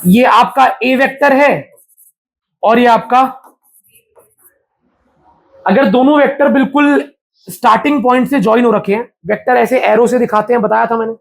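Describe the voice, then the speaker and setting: A man with a very high-pitched, gravelly voice teaches a live physics class at normal speed, leaving long pauses. He's chatty and casual, constantly quizzing his students.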